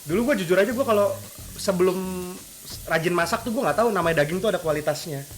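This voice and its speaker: A young man with a Jakarta accent hosts a casual cooking chat, full of slang and playful teasing. His voice sits at a fairly average pitch, with music behind him and a pan sizzling. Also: quick pace. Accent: Jakarta Indonesian. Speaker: food vlog host.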